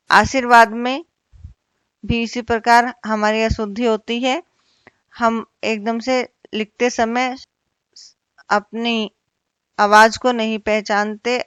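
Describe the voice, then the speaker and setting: Slow, deliberate woman teaching Hindi grammar. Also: medium pitch, clear, resonant tone, dry recording, muffled recording. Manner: slow and deliberate, repeating each word and asking questions. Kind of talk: slow online grammar lesson.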